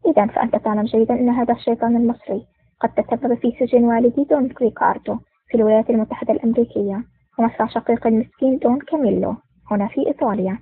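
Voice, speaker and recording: Woman reading as a stern mafia boss, fast, tinny. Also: a little high, fairly even intonation, breathy edge, dry recording. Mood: angry. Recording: tinny phone-like dry recording.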